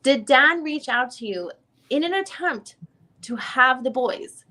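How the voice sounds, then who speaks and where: Her voice high, pushed and bright, a woman delivers an exaggerated, animated, unhurried performance as a lawyer at a deposition. In this dramatic reading of a legal transcript, she probes the witness formally and methodically.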